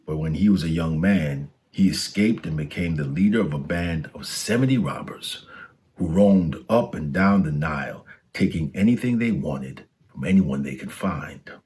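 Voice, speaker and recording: A man with a low, darkish voice narrates a children's storybook, reading from a script as a storyteller. He is expressive and speaks at a normal pace.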